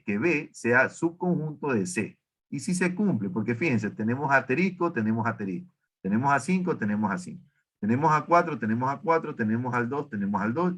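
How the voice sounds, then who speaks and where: A male math teacher, talking students through an exercise. He keeps asking them questions, stops to correct himself and fills pauses with "eh". His voice sits at an ordinary middle pitch for a man. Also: a bit bright. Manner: questioning, self-correcting, many fillers. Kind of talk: online math class.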